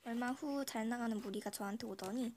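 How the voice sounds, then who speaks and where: A host reading a listener's story aloud in a radio-style show, voice altered by a voice changer, with steady, friendly reading. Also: mid-range voice, a little fast, a little hiss or hum.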